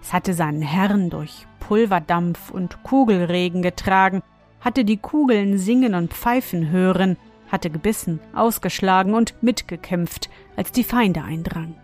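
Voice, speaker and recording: A woman hosting a fairy-tale podcast for children, narrating bedtime stories in a soft, calm voice. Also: on the low side, measured pace. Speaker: podcast host and storyteller. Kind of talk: gentle bedtime story narration. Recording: faint music behind.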